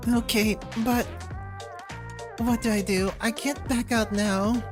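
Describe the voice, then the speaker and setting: A woman's voice: a little high, fairly even intonation, slow, pitched above the performer's own voice. A woman voicing a shy, anxious young girl from a game, with a hesitant, stammering delivery. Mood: timid, anxious. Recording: music behind the voice.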